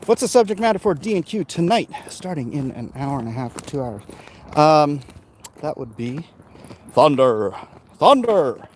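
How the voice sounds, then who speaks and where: His voice on the high side and sing-song, a forties-aged livestream host strolls down a street outdoors holding his phone, with street noise in the background. The casual chat is rambling and halting: he reads out viewer comments and keeps breaking off to talk to those with him.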